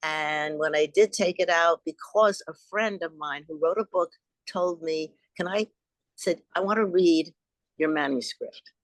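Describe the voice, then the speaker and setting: A woman's voice: fairly low pitch, a little slow, no room sound. Older New woman telling her story. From Long Island, New York. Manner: rambling, restarts, earnest. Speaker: guest, author. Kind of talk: storytelling in an interview.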